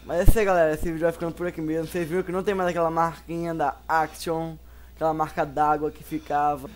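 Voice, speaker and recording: A Brazilian man playing a horror game, commenting in a panicky way, yelling and pleading at what happens on screen. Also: fairly high pitch, flat delivery, fast, a little hiss or hum. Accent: Brazilian Portuguese. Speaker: gameplay youtuber. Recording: music from the game behind.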